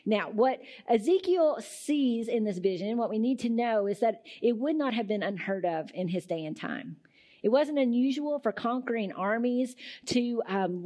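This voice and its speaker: A woman's voice: medium pitch, dark tone. Woman preaching in a conversational way. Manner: conversational preaching with fillers and tag questions. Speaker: pastor. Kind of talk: sermon.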